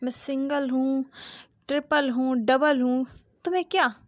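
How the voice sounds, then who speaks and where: A woman's voice: high voice, steady tone, a little slow, no room sound, studio quality. A woman voicing a cold, irritated young woman who brushes people off curtly. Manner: curt, dismissive.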